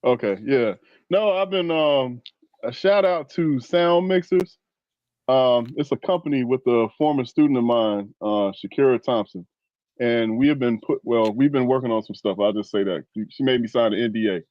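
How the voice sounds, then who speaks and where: A man's voice: mid-range voice, moderate pace, no echo, muffled recording. Hesitant man on a video call. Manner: apologetic, hesitant, lots of fillers. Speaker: guest host. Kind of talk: casual chat on a video call.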